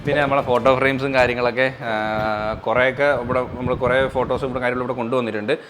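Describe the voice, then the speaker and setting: A man's voice: medium pitch, flat delivery, quick pace, background noise. A man, chatting to viewers in a casual home vlog. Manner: chatty, addresses viewers as guys. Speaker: family vlogger.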